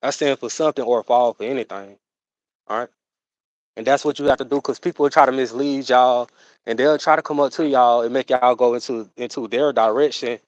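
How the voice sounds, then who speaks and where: A livestream host chats casually with his viewers in a mid-range, steady voice, rambling and drawing things out with fillers, asides and "you know what I'm saying." The sound is dry and close with no room echo, and the highs are cut off.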